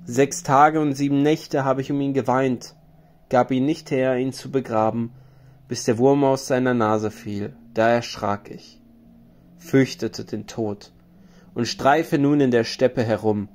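A man's voice: mid-range voice, steady tone, measured pace, darkish tone, lightly acted. A man reading a grieving hero king. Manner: solemn, lamenting recitation. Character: grieving male hero king, weary wanderer.

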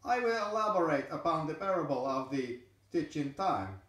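A grandiose, money-hungry fortune machine with a self-important, sweeping delivery, voiced by a man. Its lively voice rises and falls dramatically and sits a touch high. The sound bounces around a very echoey room, picked up from some distance. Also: moderate pace. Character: pompous male fortune-telling machine, grandiose, greedy.

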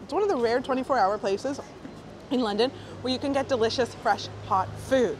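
A woman's voice: a little high, fairly quick. A woman guiding a food tour, talking in a chatty, enthusiastic way. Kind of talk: guided food vlog. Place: outdoors and inside small food shops. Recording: noisy street background.

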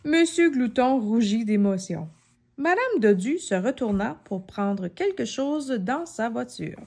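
A woman reading a children's storybook aloud in an expressive way, often asking questions of the child listening. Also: a little high, unhurried, slightly rough.

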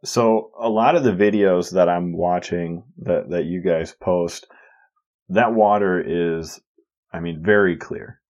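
A man's voice: deep voice, steady tone, takes it slowly, darkish tone, dull audio. A man hosting a fishing podcast, asking easygoing interview questions. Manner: easygoing, brief acknowledgments. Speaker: podcast host.

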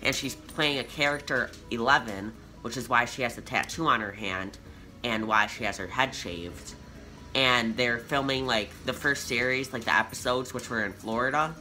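A man's voice: medium pitch, normal speed, faint music behind. A teenage boy telling a casual storytime to his channel, chatty and full of "like" fillers. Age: teens. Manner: chatty, filler-heavy with frequent "like"; youthful and animated. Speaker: vlogger.

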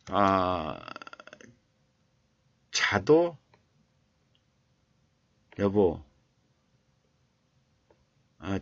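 Male writing teacher, very deep and unhurried, reading a viewer's essay aloud on a live stream. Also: fairly bright tone, dry recording, muffled recording. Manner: slow halting reading, repeating phrases while editing; murmured "yes" asides between phrases. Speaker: writing instructor.

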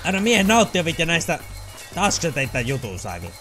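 A man giving casual, excitable commentary while playing a video game, swearing, yelping and slipping into English phrases. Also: a little high, faint music behind. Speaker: let's play gamer.

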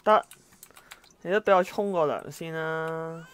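A woman's voice: sits low, a little slow, smooth. A woman giving exasperated let's-play commentary, exclaiming at the characters in her game. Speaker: gameplay commentator.

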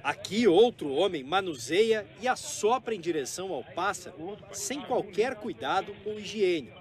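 A male TV reporter with a Brazilian accent, narrating a news report in a measured, grave tone. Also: high voice, lively intonation. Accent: Brazilian Portuguese.

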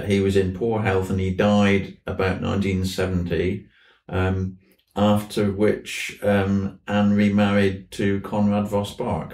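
An older man in his 70s from southwest England speaks in a low, darkish voice while reminiscing as an interview guest; he's a fly fishing instructor. It's recorded indoors in a tackle shop, with a roomy sound and slightly distant mic.

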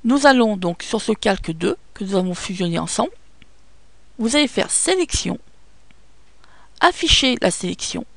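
A woman with a French accent guiding viewers step by step through photo editing software, patient and hesitant, with many fillers. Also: medium pitch, lively intonation, normal speed, vocal fry, pauses often, dry recording. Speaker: software tutorial presenter. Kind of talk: screen-recorded photo editing tutorial.

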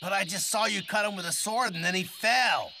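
A woman voicing an eager, pushy young boy with a gravelly voice in an overacted anime dub. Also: mid-range voice, fairly quick, heavy background noise, close to an everyday voice. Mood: curious.

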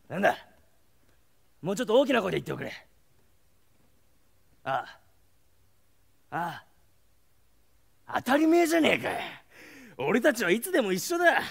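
An actor playing a bitter, dying samurai captain with a coarse, rough-edged way of talking, on a stage recording with music. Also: male voice, high-pitched, full character voice. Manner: coarse rough-edged speech, brooding then shouting.

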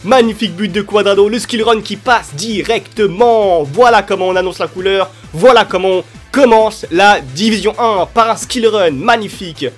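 A young man giving excitable, chatty commentary over his football video game matches, cheering at goals. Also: sits high, normal speed, hardly any pauses. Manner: excitable, cheers and shouts at plays. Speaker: gaming YouTuber. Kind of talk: live gameplay commentary. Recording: light music underneath.

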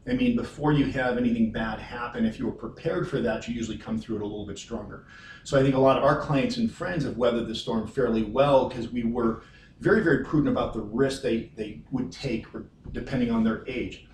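Middle aged guy in a conference room, calm reassuring talk, kinda far from the mic with a faint hum. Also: medium pitch, brisk. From Western New York. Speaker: financial firm president. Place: wood-paneled conference room. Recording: roomy echo from far off.

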